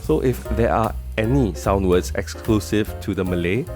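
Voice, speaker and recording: A man with a Singaporean accent hosting a scripted explainer in a wry, articulate, measured way. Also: on the low side. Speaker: host and presenter. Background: music under the voice.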